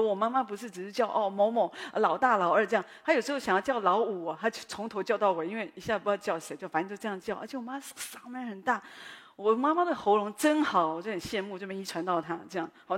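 A woman pastor with a Taiwanese Mandarin accent, preaching a sermon in a chatty, storytelling way with animated asides. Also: medium pitch, big-room sound.

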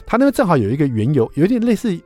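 A middle-aged man, telling a story on his radio show. He talks quickly and his pitch swings widely as he acts out the back-and-forth. His voice is dry and close to the mic, with faint music underneath. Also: no echo. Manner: chatty, acts out dialogue with lively voices. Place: radio studio.

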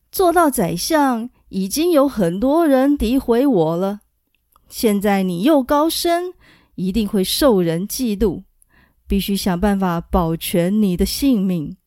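A woman voicing an older male court minister who calmly gives cautious counsel in a slow storybook telling. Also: medium pitch, no echo, clean studio sound. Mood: worried. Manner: calm, measured counsel.

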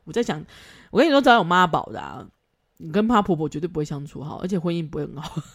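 Woman host, pitch that swings widely, frank and foul-mouthed, quick to laugh. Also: big pitch swings, slightly rough. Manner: blunt, swears freely, laughs often. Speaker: podcast host. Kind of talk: casual advice chat.

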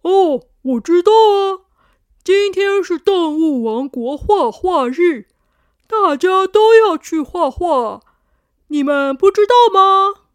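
Woman doing a squeaky, cheerful little piglet boy. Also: lively intonation, takes it slowly, dry recording, exaggerated voice. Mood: friendly. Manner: sing-song, friendly and chatty. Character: cheerful boastful young male piglet. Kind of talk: children's storybook reading.

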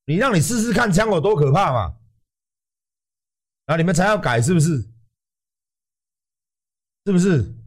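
A man's voice: high-pitched, lively intonation, normal speed, long pauses. Profane Taiwanese man ranting heatedly. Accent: Taiwanese Mandarin. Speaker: livestream host. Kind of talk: ranting livestream commentary.

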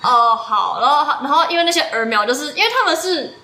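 A young woman rambles through a story at a rapid clip, her voice bright and a touch high. She leans on fillers and laughs often as she chats. The room adds a clear echo and faint noise. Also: animated. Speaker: podcast co-host. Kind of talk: casual chat, telling a dream.

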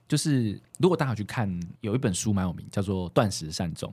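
A man's voice: on the low side, expressive, fast, a little mellow, husky, no room sound. A man with a Taiwanese accent speaking as a doctor guest in a casual podcast conversation, explaining his thoughts reflectively, step by step.

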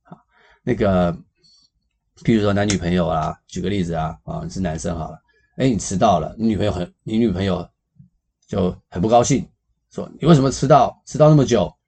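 A man's voice: sits low, moderate pace, creaky, pauses often, breathy edge. A man, hosting a psychology podcast and explaining with everyday examples. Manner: animated, gives everyday examples, many fillers.

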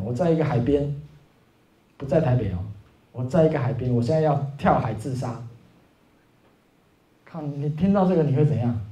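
A man preaching a Sunday sermon in a conversational way, asking rhetorical questions and filling pauses with "ah" and "oh". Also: a little high, warm tone. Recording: roomy, slightly dull church recording.

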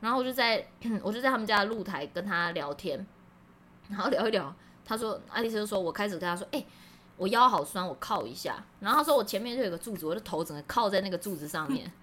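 A woman podcast host tells her stories in relaxed chat. She talks fast, and her voice is bright and lively. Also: mid-range voice. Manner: lively storytelling. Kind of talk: casual chat.

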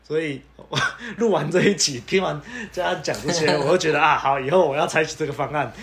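A rapid-fire man talks in a blunt, animated way, casually tossing in swear words. His voice sits a little high and his words tumble out quickly. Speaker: podcast co-host. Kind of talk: casual chat.

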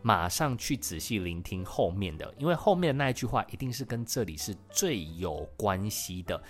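A man's voice: lowish voice, sing-song, normal speed, soft background music. A man, hosting a podcast lesson and patiently explaining English words, spelling them out letter by letter. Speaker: English teacher and podcast host.

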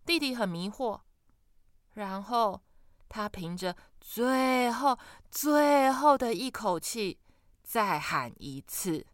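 A woman reading a children's story aloud in an expressive, dramatic way. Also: on the high side, no room sound, clean studio sound. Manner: slow, expressive read-aloud with dramatic pauses.

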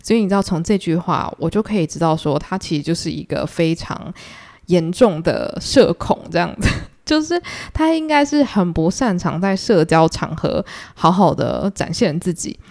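A young adult woman hosting a solo book-club podcast, retelling and commenting on a novel in a chatty, animated way. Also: fairly low pitch, normal speed. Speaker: podcast host.

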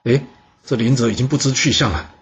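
A man telling a history story in a lively, chatty way. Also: mid-range voice, a little hiss or hum. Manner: lively, chatty, drawn-out particles. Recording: dull lo-fi recording.

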